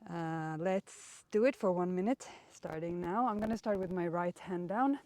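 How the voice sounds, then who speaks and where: This young woman, not a native English speaker, hosts and leads an outdoor workout with conversational encouragement and easy chat. Her lowish voice has a warm tone and a moderate pace, and the recording is dry.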